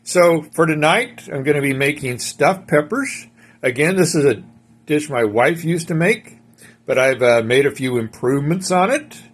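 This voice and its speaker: A man's voice: a little high, expressive, moderate pace. A man casually talking viewers through a home recipe step by step, in a rambling, chatty way. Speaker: home cook. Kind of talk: casual cooking demonstration.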